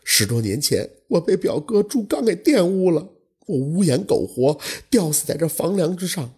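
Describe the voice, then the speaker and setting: A man's voice: high voice, very animated, normal speed, darkish tone, breathy edge, pitched above the performer's own voice, exaggerated voice. A man voicing a pleading young ghost woman. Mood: tearful. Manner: pleading, sorrowful.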